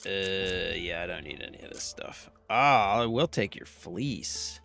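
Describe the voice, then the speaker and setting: A man's voice: sits low, expressive, vocal fry, pushed and bright, faint music behind. A man streaming a video game, commenting casually and swearing often as he vents. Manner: swears a lot, quick to vent.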